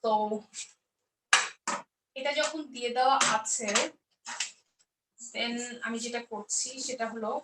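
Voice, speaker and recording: A woman's voice: on the high side, slow pace, pauses often, recorded from a distance, very noisy. A woman teaching math step by step, asking questions and then answering them herself. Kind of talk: explaining a math lesson step by step. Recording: roomy echo, voice off-mic.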